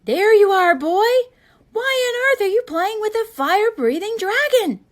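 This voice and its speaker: A woman voicing a scornful, scolding grown man knight in a storybook, loud and declamatory. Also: extremely high pitch, lively intonation, measured pace, pitched above the performer's own voice. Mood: alarmed scolding.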